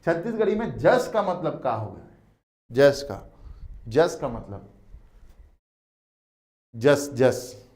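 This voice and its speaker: A male teacher with a Chhattisgarhi accent gives an exam coaching lecture. He talks in an animated, emphatic way, repeats key words and calls his students "beta". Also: medium pitch, slow pace, long pauses.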